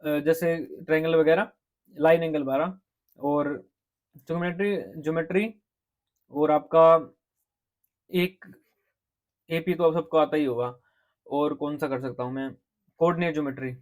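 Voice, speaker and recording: A man's voice: on the high side, fairly even intonation, measured pace, pauses often. A man, a coaching teacher giving exam advice to students in a casual, direct lecture, often checking in with his listeners. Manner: direct, repeats "ठीक है?" to check in.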